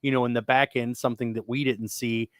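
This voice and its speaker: A man co-hosting a podcast, chatting casually and rambling with frequent restarts as he talks excitedly about sci-fi technology. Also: medium pitch, a little fast, dry recording. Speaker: podcast co-host. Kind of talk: casual chat.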